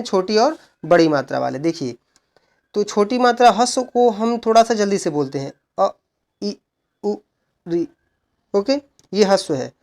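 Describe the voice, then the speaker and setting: A male teacher giving an exam-prep grammar lesson, who asks questions and answers them himself while explaining slowly and repeating key points. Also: high-pitched. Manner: slow, repeated explaining with frequent "look" and "okay".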